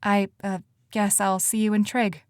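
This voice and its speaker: A woman voicing a worried, gentle teenage girl who speaks softly and hesitantly, in an audiobook. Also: mid-range voice, flat delivery, a little slow, dry recording, clean studio sound, close to an everyday voice. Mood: quiet. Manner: soft, hesitant.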